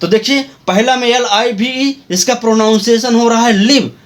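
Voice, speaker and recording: A man teaching an English grammar lesson, explaining each point slowly, spelling words out letter by letter and repeating himself. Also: very high-pitched.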